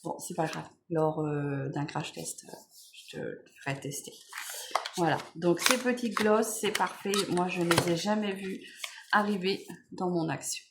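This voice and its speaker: A woman vlogger chatting casually while unboxing beauty products, relaxed, with many fillers and self-corrections. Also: fairly low pitch, measured pace, very noisy.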